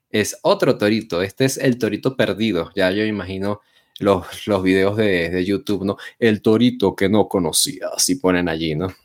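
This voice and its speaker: A man co-hosting a casual wrestling discussion, talking informally and haltingly with chatty asides. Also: on the low side. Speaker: wrestling show co-host.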